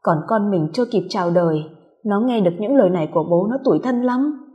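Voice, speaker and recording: Woman doing a battered young wife pleading softly, weak and shaky, echoey hall sound. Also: mid-range voice, animated, quick pace, highs cut off, close to an everyday voice. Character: beaten pregnant young wife, meek and pleading. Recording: long hall reverb.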